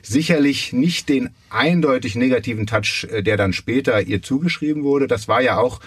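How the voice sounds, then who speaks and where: A man speaking as a guest historian in a panel discussion, measured and academic, pausing often with hesitations. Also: medium pitch, husky, no echo, far from the mic.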